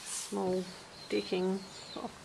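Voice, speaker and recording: A woman with a New Zealand accent narrates a walkthrough of a small empty house, ticking off features item by item with short pauses. Her pitch sits mid-range. The camera mic picks up a faint hiss behind her. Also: monotone, vocal fry, darkish tone, low-quality recording. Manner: plain, listing features one by one with brief pauses. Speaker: rental property agent. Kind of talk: unscripted property walkthrough narration.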